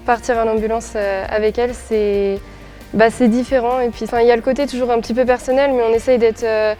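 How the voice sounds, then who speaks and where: A woman's voice: on the high side, steady tone, fast talker, warm tone, faint music behind. A woman in her twenties, a nurse and volunteer firefighter, speaking eagerly in an interview with many hesitant fillers. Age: 20s. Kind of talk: interview testimony.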